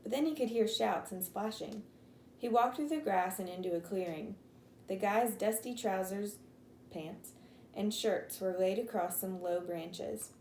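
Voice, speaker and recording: A woman teacher reads a children's novel aloud with a mellow, relaxed tone. She lifts her voice for the characters' lines and stops to explain words. The room sounds echoey, with a faint hiss behind her. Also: medium pitch, measured pace. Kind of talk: reading a chapter book aloud to a class.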